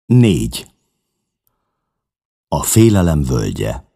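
A man reading a novel aloud as narrator, with a dramatic, expressive delivery. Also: rumbling low, creaky, breathy edge. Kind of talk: audiobook reading.

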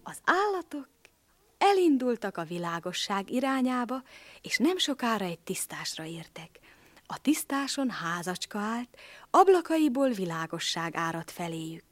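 A woman's voice: mid-range voice, big pitch swings, no echo. A woman narrating a storybook tale expressively, sometimes dropping to a whisper.

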